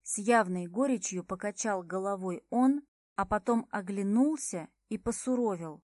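A woman reading a first-person audiobook in a measured, tense way. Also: mid-range voice, a little mellow, no echo, studio quality. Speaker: audiobook narrator.

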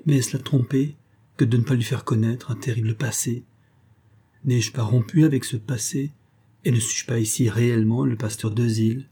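A man's voice: medium pitch, fairly even intonation, moderate pace, mellow, husky. A man voicing a brooding, guilt-ridden male pastor who hides a terrible past. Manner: tense, brooding.

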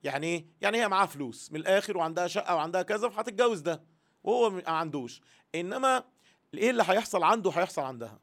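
High-voiced Egyptian man teaching religion. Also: lively intonation, rapid-fire, a bit bright. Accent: Egyptian Arabic. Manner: earnest, voices listeners' thoughts in first person. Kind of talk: religious lesson to women.

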